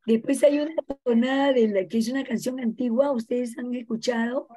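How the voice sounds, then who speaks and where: A middle-aged woman teacher gives an informal class talk. She keeps checking in with her students and fills pauses with small words. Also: on the high side, fairly even intonation, warm tone, slightly rough. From Peru. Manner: chatty, checks in with frequent "no?" tags and fillers. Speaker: college teacher.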